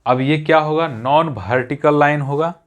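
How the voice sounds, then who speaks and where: A man's voice: on the high side, moderate pace. A man teaching a math lesson in a classroom, explaining step by step, repeating key phrases and checking in with his students.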